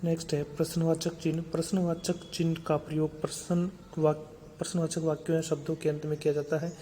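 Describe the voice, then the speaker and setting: A man's voice: a little high, level tone, brisk, mellow, slight background noise. A man teaching a grammar lesson for exam preparation, listing terms steadily and repeating key words.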